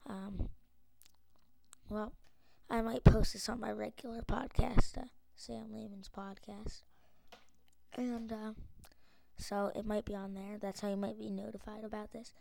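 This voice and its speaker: A woman with the hiccups hosts her own casual podcast, stopping often to restart with fillers. She talks slowly, and her voice has a gravelly vocal fry. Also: mid-range voice, level tone, mellow, no echo. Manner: hesitant, many fillers and restarts. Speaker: podcast host. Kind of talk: casual solo podcast intro.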